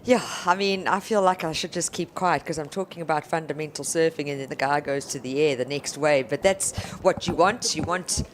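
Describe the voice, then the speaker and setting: A woman's voice: sits low, a little fast, few pauses, slight background noise, poor audio. A woman co-commentating on a surf contest with conversational, colloquial and appreciative analysis.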